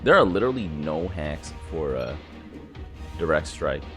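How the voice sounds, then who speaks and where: Low-voiced, stuffy gamer guy chatting. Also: big pitch swings, a little slow. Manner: laid-back, rambling, chatty with viewers as "boys". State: stuffy nose. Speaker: gaming YouTuber. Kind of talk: casual live gameplay commentary. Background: game music and sound effects.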